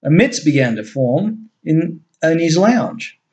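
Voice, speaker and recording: A man reads a story aloud at a measured pace, his voice sitting a touch high for a man. He now and then stumbles and corrects himself as he narrates. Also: very animated, darkish tone, muffled recording. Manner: measured reading with small slips. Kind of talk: read-aloud fiction narration.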